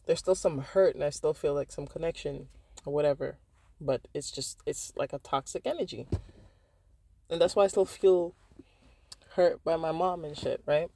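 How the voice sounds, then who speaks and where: A woman's voice: deep voice, dark tone. A woman vlogger candidly telling a personal story, frank and profane, with lots of fillers and restarts.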